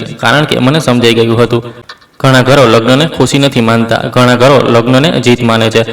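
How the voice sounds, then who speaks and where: Casting: male narrator for a scripted family story, steady delivery, echoey room recording. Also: medium pitch. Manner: steady, measured. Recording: roomy, distant mic.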